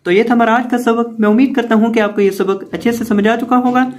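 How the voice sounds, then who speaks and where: A man teaching Quran reading word by word. He draws out the recited words slowly and explains the reading rules quickly between them. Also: very high voice, fairly even intonation. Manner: melodic chanted recitation.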